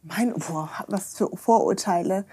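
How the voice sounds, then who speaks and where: A woman guest on a podcast, chatting casually and telling lively stories that act out what people said. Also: fairly low pitch, unhurried, breathy edge. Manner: lively storyteller, acts out quoted dialogue, frequent tag questions.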